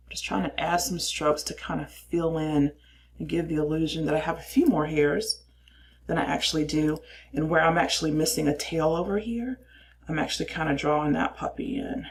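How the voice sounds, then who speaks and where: An older woman with a deep voice talks casually through her makeup routine in a small, cramped space. As a makeup reviewer, she explains each step while making fun of herself.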